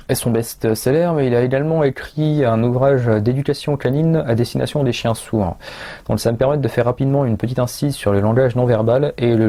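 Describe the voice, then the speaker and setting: A man's voice: mid-range voice, mellow. A man from France reviewing a dog training book in a casual, rambling way, full of fillers and self-corrections.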